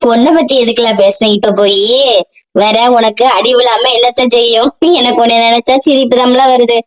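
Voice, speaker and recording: A woman's voice: a little high, level tone, moderate pace, natural voice. A woman voicing a mocking strawberry friend in a cartoon. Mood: teasing. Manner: mocking, teasing.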